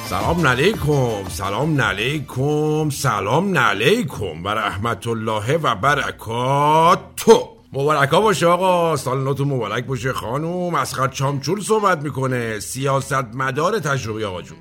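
A man's voice: mid-range voice, animated, hardly any pauses, a bit bright, faint music behind. A man playing a pompous, drawling politician. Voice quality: drawling, mock-formal, sarcastic. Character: pompous blustering male politician, self-important. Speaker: comic character host. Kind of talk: satirical comedy monologue.

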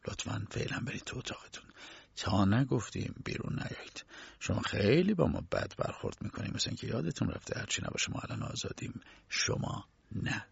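A man voicing blunt low-ranking guards who talk in a flat, curt and condescending way. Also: gravelly, slightly rough, no echo, muffled recording, exaggerated voice. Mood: smug.

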